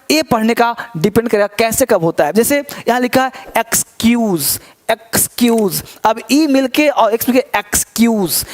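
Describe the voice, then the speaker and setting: A man with a fairly high voice leads an English pronunciation lesson. He says each word several times in a row and keeps asking short questions that he answers himself. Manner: drills words by repeating them over and over; asks quick questions and answers them himself. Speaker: English teacher.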